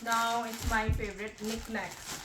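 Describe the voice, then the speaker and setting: Slow-speaking woman in a roomy, noisy recording. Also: fairly high pitch, little pitch movement. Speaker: snack review host. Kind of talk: casual taste-test chat with short reactions. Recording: roomy, distant, noisy with clicking.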